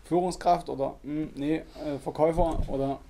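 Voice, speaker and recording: A man's voice: on the high side, steady tone, moderate pace, mellow, slight background noise. A man hosting a videocast, asking questions and reacting with enthusiasm, with frequent fillers. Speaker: videocast host. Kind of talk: interview chat.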